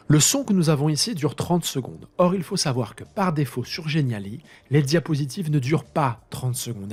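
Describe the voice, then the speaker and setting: A man teaching his high school students how to use a piece of software, talking them through each click as he improvises. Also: husky. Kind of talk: screen-recorded software tutorial.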